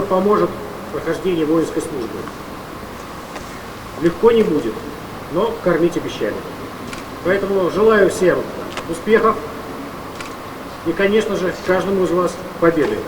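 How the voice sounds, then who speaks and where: A man giving a formal opening speech to assembled recruits, in measured short phrases with pauses. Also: high voice. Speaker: official addressing conscripts. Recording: echoey, distant, noisy recording.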